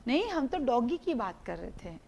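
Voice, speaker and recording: A woman teaching a live law class, explaining through lively everyday stories, mixing Hindi with English legal terms and repeating key points for students to note. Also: fairly high pitch, moderate pace, vocal fry. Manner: animated storytelling with everyday examples.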